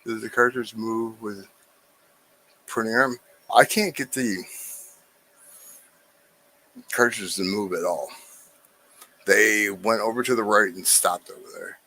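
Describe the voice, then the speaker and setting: Gravelly-voiced man muttering over a fix. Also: fairly low pitch, slow, long pauses, sharp tone, low-quality recording. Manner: muttering, puzzled and exasperated. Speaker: live stream host. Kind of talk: casual chat while fixing a printer.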